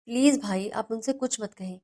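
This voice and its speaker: A woman voicing a lonely, tender young wife who pleads softly with her brother in a storybook reading. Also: a little high, lightly acted. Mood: plaintive.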